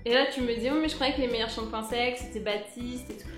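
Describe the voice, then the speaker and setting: Speaking fast in an echoey room with faint music behind her, this young beauty vlogger keeps a steady tone and a slightly high voice. She chats playfully through a casual product review, breaking now and then into bits of song.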